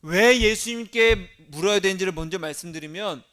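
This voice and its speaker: High-voiced pastor preaching with loud-soft swings. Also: male voice, moderate pace. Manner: asks the congregation questions and answers them himself; swings between loud emphasis and soft, low asides. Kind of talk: sermon.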